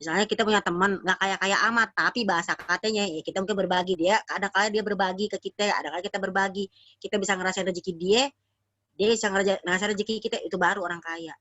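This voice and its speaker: Over a video call, a female preacher with a Jakarta Betawi accent gives a casual, slangy virtual religious study talk, acting out quoted prayers. Her mid-range voice is fairly bright, fast, and fairly even in intonation. The online call audio is dry, dull, and lo-fi, with no echo.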